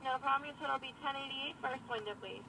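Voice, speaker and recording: Rapid woman over a drive-thru speaker. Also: high-pitched, vocal fry, sharp tone, slight background noise, rough recording. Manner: brisk, polite order-taking. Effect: heard through a drive-thru intercom speaker. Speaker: fast-food drive-thru worker. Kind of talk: scripted customer service. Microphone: drive-thru intercom.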